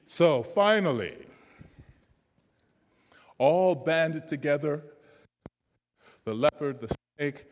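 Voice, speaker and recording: A male storyteller tells a folk tale in a slow, gentle voice. His pitch sits a little high for a man, and the long reverb of a large hall rings behind his words. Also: lively intonation. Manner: slow, gentle, softening to quiet.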